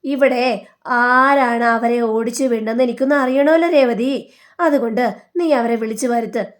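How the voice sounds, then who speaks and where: A firm, protective young husband, speaking up in a bright voice, as a woman reciting a serial's dialogue puts him on. He talks plainly and steadily, with no heavy acting. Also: a little high, moderate pace, natural voice. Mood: reassuring.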